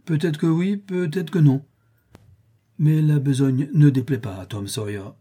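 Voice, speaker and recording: A man's voice: medium pitch, normal speed, dark tone, slightly rough, natural voice. A man voicing a cunning boy who talks in a coaxing, mock-casual way in an audiobook reading. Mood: sly. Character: cunning boy, sly and nonchalant.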